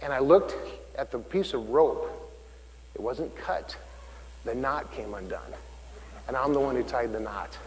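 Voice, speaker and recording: In a roomy church where a long reverb trails each sentence, a middle-aged deacon delivers a homily in a relaxed, folksy storytelling style. His voice is at an ordinary male pitch, and he speaks a little slowly, with long pauses and frequent restarts of phrases.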